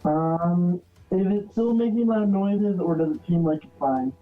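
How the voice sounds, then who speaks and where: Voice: medium pitch, unhurried, soft background music. Hesitant player on a tinny line. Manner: hesitant, many fillers. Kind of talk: playing a character in a tabletop game.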